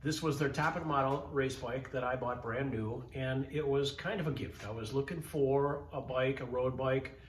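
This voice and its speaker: A man's voice: mid-range voice, normal speed, few pauses. Rambling fifties man in an echoey room. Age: 50s. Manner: rambling, self-correcting, enthusiastic. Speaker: channel host. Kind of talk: casual talk to camera. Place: indoor workspace with a bike. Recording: roomy echo, faint background hiss.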